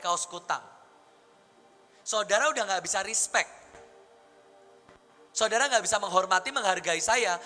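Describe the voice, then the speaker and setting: Bright-voiced male pastor in an echoing hall. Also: high voice. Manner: lively, conversational preaching with rhetorical questions. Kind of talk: sermon teaching. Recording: long hall reverb with faint music.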